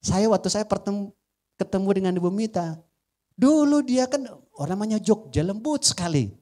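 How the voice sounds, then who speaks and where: A male pastor with a Batak-tinged Indonesian accent preaching a sermon to a congregation, joking and swinging between loud emphasis and quiet asides. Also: sits high, expressive, normal speed. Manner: often addresses the congregation as "saudara". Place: church before a congregation.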